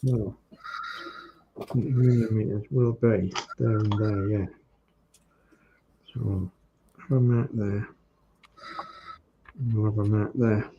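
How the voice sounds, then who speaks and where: A man from Hull, England, with a fairly low, steady voice, vocal fry, and long pauses, speaks slowly as he demonstrates hobby model-making. His workbench commentary is casual and hands-on, and he often mutters to himself as he works. The room recording is dull and noisy.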